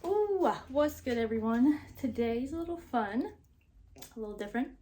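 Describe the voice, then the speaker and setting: A woman's voice: sits high, very animated, normal speed, mellow, a little hiss or hum. A woman vlogging casually to camera, upbeat and chatty, with lots of fillers and a slightly breathless sounding voice.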